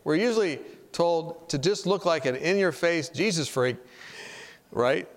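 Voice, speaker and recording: A man preaching in a conversational, animated way, telling a personal story to his audience. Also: fairly high pitch, unhurried. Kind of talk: storytelling sermon.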